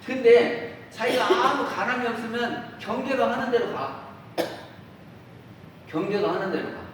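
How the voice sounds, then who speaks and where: A man's voice: extremely high pitch, a little slow. A man who is a Won Buddhist minister, giving a dharma talk to a congregation and often turning to the listeners with questions or acting out everyday remarks. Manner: asks the listeners questions and acts out everyday quotes. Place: temple dharma hall. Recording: very echoey hall, voice from far off, faint hiss.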